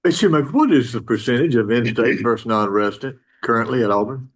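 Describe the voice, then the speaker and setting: A man's voice: medium pitch, expressive, fast talker. A man chairing a hearing, moderating informally and taking questions.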